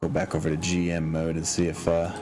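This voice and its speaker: Low-pitched and monotone, the man's voice is brisk and a little mellow. He's a game master talking through tabletop rules casually, pausing hesitantly as he reasons aloud, while music plays in the background.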